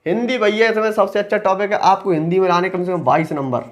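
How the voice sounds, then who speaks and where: Young male exam coach, high-pitched, blunt and colloquial, teasing the examiner. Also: steady tone, fast talker. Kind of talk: exam analysis talk to aspirants.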